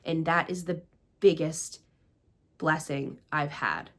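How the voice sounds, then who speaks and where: Speaking slowly in a deep, slightly bright voice, this American-accented woman runs her own show and recaps her year in a gushing, filler-heavy, chatty way. She is a priestess and podcast host from Greece and the United States.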